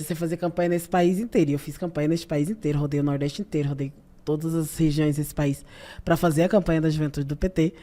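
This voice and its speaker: A young Brazilian woman, a political youth leader, telling lively stories as a podcast guest. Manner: animated, laughing anecdotes, pitch leaps up when quoting herself. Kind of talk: casual storytelling interview.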